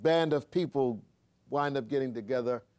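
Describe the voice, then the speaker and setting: A male talk show host with a middle-pitched voice. He speaks in a measured way, with small hesitations between phrases as he introduces his guests. He sounds like he is in a studio. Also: a little mellow, smooth. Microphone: studio microphone.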